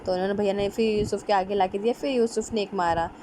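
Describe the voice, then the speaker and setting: Mom vlogger, mellow chatty voice, talks right at camera, outdoor park, faint traffic behind. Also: female voice, medium pitch, steady tone, fast, poor audio. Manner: chatty, talks straight to viewers. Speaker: mother filming her kids' park outing. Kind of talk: casual vlog narration.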